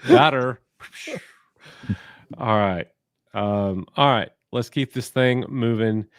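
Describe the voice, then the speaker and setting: A man's voice: mid-range voice, very slow, smooth, no echo, clean studio sound. A man hosting a live entertainment news chat, moving the talk along and putting questions to his co-hosts. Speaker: host.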